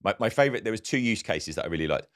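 A man co-hosts a marketing podcast in an easy, conversational way. His voice sits very low and deep, and he livens his stories by acting out the quotes. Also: very fast. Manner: animated storyteller, acts out quotes. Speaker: podcast co-host. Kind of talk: casual conversational podcast chat.

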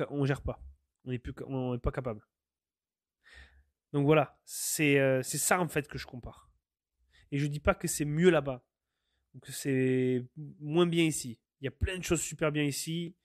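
A man's voice: medium pitch, darkish tone, no echo, clean studio sound. A man from France, hosting a podcast and talking earnestly through his opinions, with many fillers and restarts. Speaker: podcast host. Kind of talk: solo podcast monologue.

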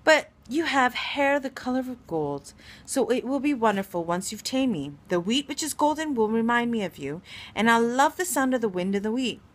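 A woman reading aloud and voicing a lonely, gentle male fox who patiently explains things. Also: on the high side, expressive, normal speed, close to an everyday voice. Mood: wistful.

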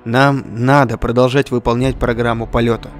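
A man's voice: mid-range voice, level tone, normal speed, soft background music, lightly acted. A man playing a sober, practical spaceship crewman in a scripted sci-fi audio drama. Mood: resolved.

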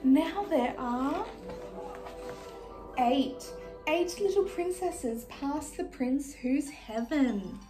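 Woman playing high-voiced Princess Aurora, storytelling. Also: drawn-out words, pauses often, heavily acted, low-quality recording. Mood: sweet storytelling. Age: young adult. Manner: animated, sing-song, enunciated for small children. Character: sweet, gracious young fairy-tale princess. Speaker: children's party entertainer reading a storybook. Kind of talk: children's storybook reading in character. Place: small decorated room indoors. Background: music.

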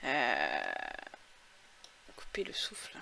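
A woman's voice: rumbling low, huge pitch swings, very slow, vocal fry, pushed and bright, slight background noise. A woman giving casual commentary while playing a video game, thinking aloud with lots of fillers and reading quest text aloud. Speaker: let's play gamer.

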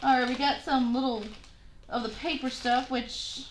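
A woman's voice: high voice, little pitch movement, moderate pace, a little hiss or hum. A young woman gushing through a casual unboxing vlog on her phone camera, chatting to viewers. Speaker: unboxing vlogger.

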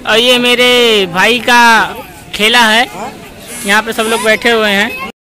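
A young village vlogger strolls through a busy outdoor market, filming on a handheld phone, chatting to viewers and haggling with sellers over crowd noise. His voice is extremely high and sharp, level in tone, and he takes his time.

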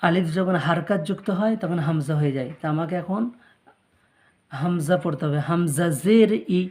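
A Quran reading teacher leading a slow letter-by-letter drill, spelling out syllables and repeating each word, with quick, quieter asides explaining the rules. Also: medium pitch. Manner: spells out syllables, then repeats whole words.

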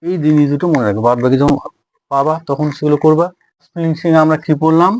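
A man's voice: a little high, fast, darkish tone, slight background noise. A man teaching pronunciation, repeating each point and checking that students follow. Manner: repetitive, addresses students directly, checks understanding. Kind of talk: slow spoken lesson, spelling words out.

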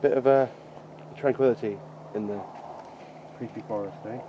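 A man chats casually as a companion on an outdoor vlog, rambling and doubling back on his words. His voice sits at a middling pitch, recorded on a handheld camera with light noise. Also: fairly even intonation, moderate pace, highs cut off. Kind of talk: casual chat. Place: outdoors in woods and open field at night. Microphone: camera mic, handheld.

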